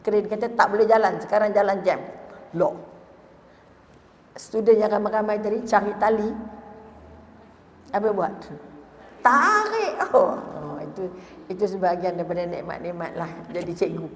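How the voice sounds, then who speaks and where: A woman's voice: mid-range voice, normal speed, long pauses. A middle-aged woman with a Malaysian Malay accent giving a religious lecture, telling stories, acting out voices and asking her listeners questions. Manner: storytelling, acts out quoted voices, asks the audience questions. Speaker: religious teacher. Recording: echoey hall with long reverb.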